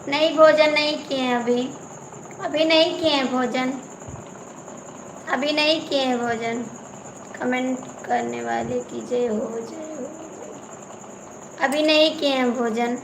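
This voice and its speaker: Female live-stream host, high voice, teasing and pleading, echoey room, clear insect noise behind. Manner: pleading, teasing, repeats herself. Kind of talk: casual live-stream chat reading comments.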